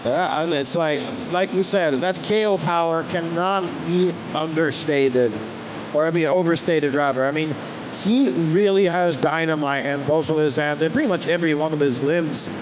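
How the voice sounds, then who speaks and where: A man's voice: fairly high pitch, normal speed. A man giving conversational, analytical fight commentary as a sports commentator. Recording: noisy live event background.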